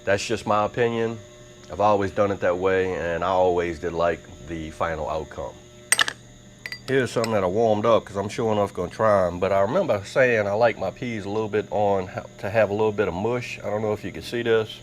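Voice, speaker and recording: A man's voice: fairly low pitch, brisk, slight background noise, poor audio. A Southern man hosting a casual cooking vlog, talking in a folksy, chatty drawl. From Mississippi. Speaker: cooking channel host. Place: workshop with insects outside.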